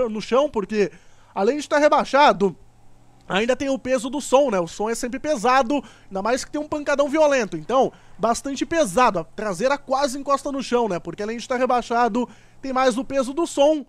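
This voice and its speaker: A man giving excitable, exclamatory gameplay commentary as a gaming video host. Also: very high-pitched, brisk, no room sound. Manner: excitable, exclamatory, repeats "top" and "ó". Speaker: gaming YouTuber.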